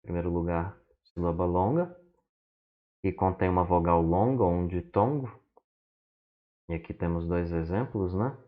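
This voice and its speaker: A man teaching from slides who explains slowly, checks in with "né?" and spells words out one syllable at a time. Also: sits low. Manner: explains slowly and often adds "né?". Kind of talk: slide lesson. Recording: dull lo-fi recording.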